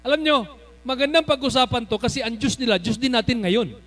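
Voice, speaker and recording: Pastor guy preaching, voice way up high, bouncy and loud in bursts. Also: a little fast. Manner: animated, bursts into shouts and laughter while telling stories. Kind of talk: sermon.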